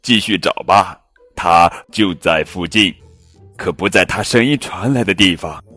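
A man's voice: deep voice, measured pace, bright, forceful tone, soft background music. A man voicing a cheerful joking male elephant, raising his voice somewhat above his own in a children's storybook reading.

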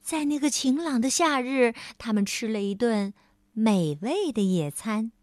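Slow, gentle woman storyteller. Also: a little high, lively intonation, no echo, studio quality. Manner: gentle, drawn-out storytelling to a child. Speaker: children's storyteller. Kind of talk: children's storybook reading.

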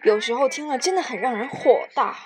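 A woman's voice: high voice, animated, a little fast, crowd noise. A woman co-hosting a casual discussion, moving between chat and reading passages aloud. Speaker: co-host of a two-person chat show.

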